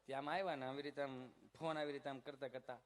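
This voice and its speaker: A man's voice: medium pitch, steady tone. A man with a Kathiawadi Gujarati accent telling folk stand-up comedy stories in a chatty way, often slipping into voices. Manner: chatty, storytelling, quick to slip into voices.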